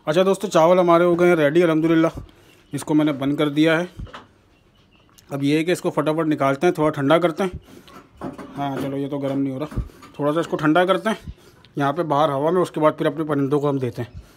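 The bird keeper vlogger here has a voice on the high side, steady in tone, quick-paced but with long pauses. Chatty and friendly, he narrates his chores outdoors by the rooftop kitchen and bird pens, and the handheld phone camera picks up plenty of rooftop noise.

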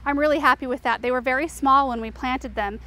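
A woman in her thirties with a light, high voice leads an unscripted walk through her backyard garden. She chats warmly and loosely, stopping for plenty of "um" and "like". She sounds close on a clip-on mic out in the open air. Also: brisk. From Eastern Oregon, US. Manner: chatty, enthusiastic, lots of fillers like "um" and "like". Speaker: garden show host. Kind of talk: casual garden tour walkthrough. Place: outdoor home garden.

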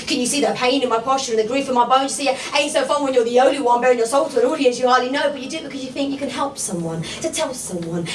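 A young woman from England performing a spoken word poem on a small bar stage, rhythmic and rhyming with dramatic pauses. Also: a little high, a little hiss or hum. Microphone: stand mic on stage, recorded from the room. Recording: echoey bar room from far off.

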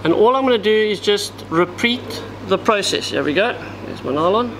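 A man's voice: sits high, expressive, moderate pace, background noise. A man, giving a step-by-step fishing knot tutorial at a table in a tackle shop, talking as he works with his hands. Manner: step-by-step, talks while working with his hands.

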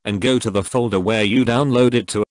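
A man's voice: medium pitch, steady tone, brisk, no echo. A computer-generated male voice reading a scripted tutorial narration. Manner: text-to-speech voice reading a script.

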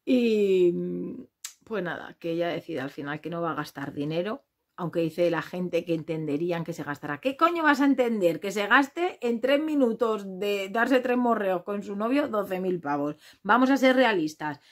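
A woman from Spain talks casually about a reality show in a blunt, outspoken way. She swears freely and quickly slips into mimicking the people she talks about. Her voice sits at an ordinary middle pitch for a woman. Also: animated. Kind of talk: casual gossip commentary.

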